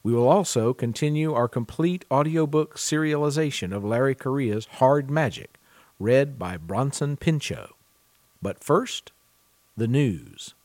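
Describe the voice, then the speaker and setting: A man hosts a book podcast as a contributing editor, reading a scripted introduction and news before interviewing a guest. His mid-range voice has lively intonation and a darkish tone, a little slow, in a dry recording.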